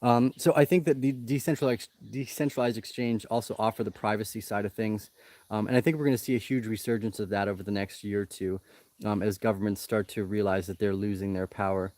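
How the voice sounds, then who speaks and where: A man's voice: lowish voice, fairly even intonation, brisk, darkish tone, no room sound. A man in his thirties hosting a casual livestream Q&A outdoors, talking loosely with lots of ums and restarts. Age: 30s. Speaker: livestream host. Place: outdoors in the jungle. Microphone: laptop mic.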